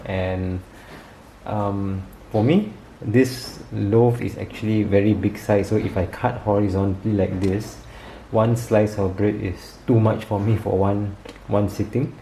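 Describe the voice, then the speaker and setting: A man talks his viewers through a home kitchen demo in an easygoing, rambling way, full of ums and likes. His voice sits a little low and sounds mellow. The kitchen around him is echoey. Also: measured pace. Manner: relaxed, chatty, with many fillers. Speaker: home cook reviewing kitchen gadgets. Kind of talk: casual demo vlog. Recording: echoey kitchen with faint background noise.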